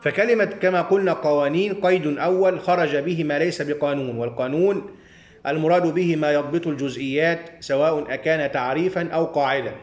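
A man's voice: a little high, fast, reverberant. A man with an Egyptian accent teaching a hadith studies class, leaving sentences open so his students can finish them. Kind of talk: classroom lecture with call-and-response.

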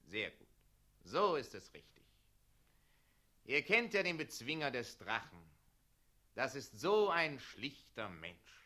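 An actor playing a fussy, pedantic town mayor in a radio play, drilling the townsfolk on how to say their lines. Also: male voice, mid-range voice, very animated, takes it slowly, pauses often, bright, forceful tone, exaggerated voice. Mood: bossy. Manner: bossy and pedantic, coaching others' delivery, then servile.

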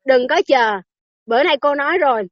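A woman's voice: high-pitched, brisk, dry recording. A woman delivers a Buddhist dharma talk in a chatty, teasing way. She keeps asking her listeners questions as she teaches. The recording is dry and a little dull.

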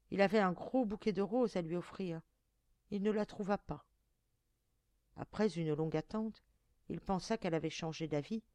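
A woman narrating a folk tale in a measured, expressive reading voice. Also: mid-range voice, no room sound, clean studio sound. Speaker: audiobook reader.

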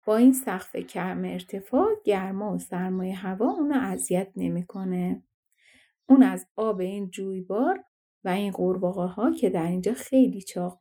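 A woman voicing a boastful, scornful yellow dwarf man in a fairy-tale audiobook. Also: medium pitch, husky. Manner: mocking, self-satisfied.

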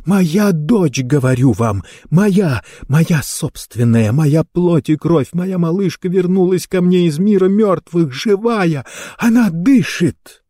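A man voicing an obsessive, ruthless grieving mother with a hoarse voice, shouting in slow, drawn-out cries. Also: mid-range voice, no room sound, studio quality. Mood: fierce possessive. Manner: raised, fierce, drawn-out cries. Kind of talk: dramatic audiobook reading.

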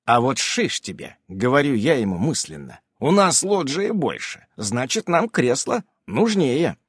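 A man's voice: medium pitch, sing-song, a little slow, breathy edge, dry recording, studio quality. A man narrating a humorous story in a wry, conversational manner.

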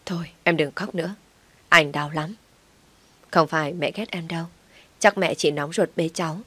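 A woman's voice: low voice, steady tone, moderate pace, sharp tone, breathy edge, no echo, heavily acted. A woman reading a story aloud, voicing a young husband who speaks earnestly and holds back his feelings. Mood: gentle. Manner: pleading, insistent.

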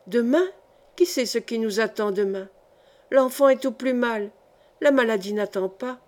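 A woman's voice: on the high side, moderate pace, darkish tone, lightly acted. A woman reading an anxious old peasant grandmother who pleads urgently, in a storybook. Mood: pleading.

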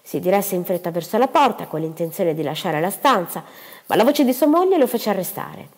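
A woman reading a novel aloud as audiobook narration, in an expressive, lively style. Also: mid-range voice, a little fast. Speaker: audiobook reader. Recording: long reverberant room.

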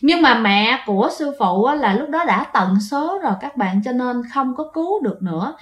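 A woman's voice: sits high, expressive, moderate pace, fairly bright tone, echoey room, lo-fi sound. A woman telling a ghost story casually, chatting directly to her listeners with lots of fillers.

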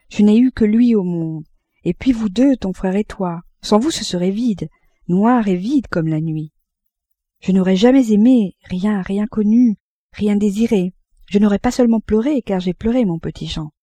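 A woman's voice: medium pitch, mellow, no room sound, natural voice. A woman voicing a middle-aged mother who pleads with her son in anguish and fear, her words breaking with emotion.

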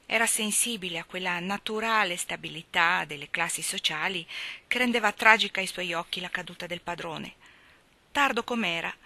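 Bright-voiced woman reading a novel. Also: mid-range voice. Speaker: audiobook reader.

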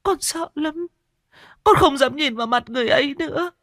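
A man's voice: very high voice, fairly bright tone, no echo, studio quality, voice pushed up, exaggerated voice. A man voicing a frightened young village woman who sobs and trembles as she talks, in a told ghost story. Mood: distraught sobbing. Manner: sobbing, trembling, halting.

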